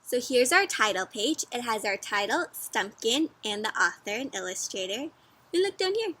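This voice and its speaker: Speaking at a moderate pace in a fairly high voice, this woman brings a storybook to life for little kids, sounding lively and like a teacher as she keeps prompting them with questions.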